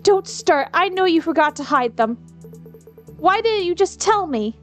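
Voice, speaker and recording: A hurt, reproachful old grandmother scolds in a raised, high voice, as a woman acts her out. Her lines come out sharp and accusing. Soft music sits in the background. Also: fast talker, lightly acted. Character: upset, reproachful elderly grandmother.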